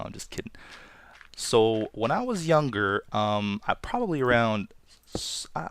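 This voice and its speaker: A man with a lowish voice that swings widely up and down as he tells a story. He rambles in a casual, chatty way and pokes fun at himself while hosting a Let's Play. A faint hiss sits under his voice. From Toronto, Canada. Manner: chatty, rambling, self-deprecating. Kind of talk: casual storytelling over gameplay.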